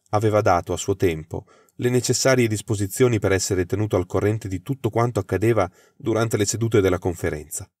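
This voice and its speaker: A flustered young government official, voiced by a man, worried and earnest as he lays out his trouble. The voice sits low, and the recording is dry with no room echo. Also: darkish tone, close to an everyday voice.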